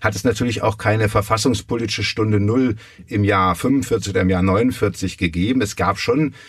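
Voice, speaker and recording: A man speaking as a guest historian in a panel discussion, measured and academic, pausing often with hesitations. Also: on the low side, breathy edge, no room sound, far from the mic.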